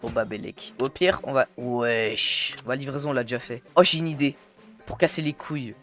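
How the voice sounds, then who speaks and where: Young male gamer, chatty and teasing, loose slang, mid pitch, soft music behind. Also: fairly even intonation, normal speed. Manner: playful, teasing, slangy, talks to viewers. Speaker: gaming YouTuber. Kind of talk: casual gameplay commentary. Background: faint background music.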